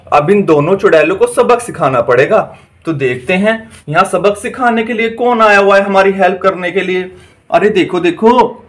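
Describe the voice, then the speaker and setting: A man narrating a toy-doll story in an eager, exclaiming, repetitive way. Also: sits high.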